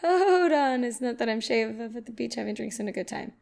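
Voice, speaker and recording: A young woman hosts a reaction video, answering a clip in a lively, casual way and laughing a lot. Her voice is fairly high and gravelly, and she talks briskly.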